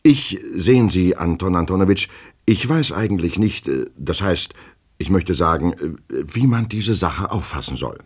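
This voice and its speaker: A man's voice: low voice, lively intonation, a little mellow, breathy edge, pitched above the performer's own voice, exaggerated voice. A man voicing a timid, anxious male clerk who stammers and halts over his words. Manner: stuttering, halting, full of hesitations.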